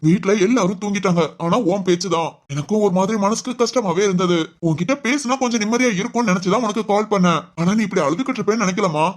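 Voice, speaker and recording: A woman playing a gentle, encouraging middle-aged father in an amateur family drama, speaking in a fast, soothing way. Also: mid-range voice, close to an everyday voice. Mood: reassuring.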